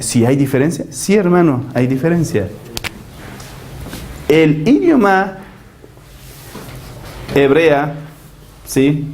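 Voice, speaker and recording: Animated man lecturing on religion. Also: medium pitch. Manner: animated, argumentative, asks rhetorical questions. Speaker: religious teacher.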